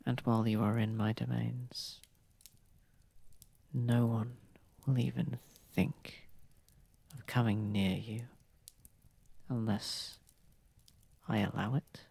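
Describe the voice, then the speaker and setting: Heavily acted and quietly menacing, the actor's vampire—a posh, gentle, protective lord of the manor—speaks in a breathy, husky, slightly creaky mid-range voice with flat delivery. The soft, intimate ASMR performance is unhurried, soothing, and slightly formal, recorded dry on a close mic.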